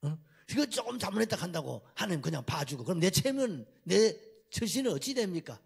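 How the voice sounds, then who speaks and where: A man's voice: medium pitch, lively intonation, normal speed, gravelly, slightly rough, full character voice. A man voicing a sulking, indignant prophet who pleads and protests, with a Gyeongsang accent. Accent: Gyeongsang Korean.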